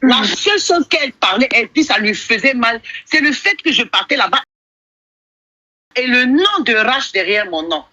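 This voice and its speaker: A woman's voice: fairly high pitch, very animated, moderate pace, bright, forceful tone, no echo. A woman calling into a live stream, hesitant and defensive, repeating herself. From Ivory Coast. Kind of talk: heated phone call on a live stream. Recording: muffled phone-call audio.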